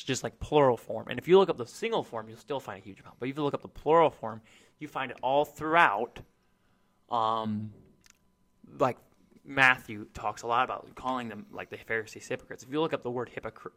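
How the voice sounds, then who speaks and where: Co-host, male, bright tone, earnest, rambles and restarts. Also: medium pitch. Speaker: co-host of a Bible talk. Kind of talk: casual faith discussion.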